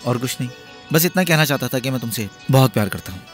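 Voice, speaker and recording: A man's voice: medium pitch, lively intonation, fast, soft background music, lightly acted. A man dubbing a film role, a young man in love who speaks in an earnest, pleading way. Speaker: dub actor.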